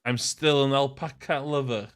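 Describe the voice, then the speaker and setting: A man's voice: medium pitch, fairly even intonation, moderate pace, clean tone, soft background music. A man with a North Wales accent reading a visual novel aloud, mixing in casual, jokey banter. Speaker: gaming video host.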